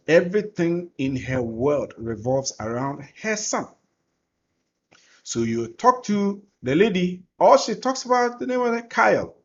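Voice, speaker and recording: A man's voice: fairly high pitch, dull audio. A man from Ghana with a Ghanaian accent, teaching through personal stories and repeating phrases for emphasis. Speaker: course presenter. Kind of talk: personal storytelling in a lesson.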